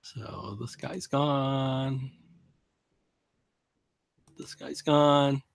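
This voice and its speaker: A man casually narrating a tabletop game as game master, in a halting, informal way. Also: medium pitch, creaky, no echo.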